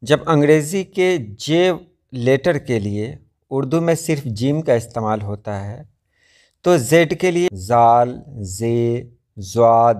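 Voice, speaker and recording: A man teaching pronunciation in a video lesson, repeating example sounds and words slowly for practice. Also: mid-range voice, darkish tone. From Muzaffarpur, India.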